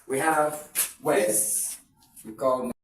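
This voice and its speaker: A man's voice: medium pitch, extremely slow, faint music behind. A man teaching an exam-prep lesson, explaining step by step and repeating key words. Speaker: English teacher. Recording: echoey room, mic far off, faint noise.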